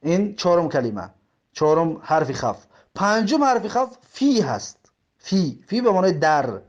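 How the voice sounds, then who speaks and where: A man's voice: high-pitched, very animated, lo-fi sound. A man with a Tajik accent teaches an Arabic grammar lesson, explaining step by step, repeating terms and giving examples. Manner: reads the Arabic text slowly, word by word.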